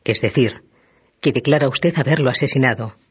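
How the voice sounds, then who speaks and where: A man's voice: medium pitch, moderate pace, a bit bright, breathy edge. A man reading the part of a stern judge who questions the accused in a hard, commanding tone. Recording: dull lo-fi recording.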